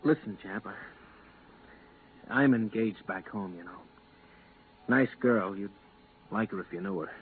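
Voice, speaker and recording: An actor playing an anxious, engaged young spaceman, earnest and halting, in a 1950s radio drama. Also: on the low side, natural voice. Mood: anxious, pleading. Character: anxious, engaged young spaceman dreading being left behind. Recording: tinny, hissy 1950s radio recording.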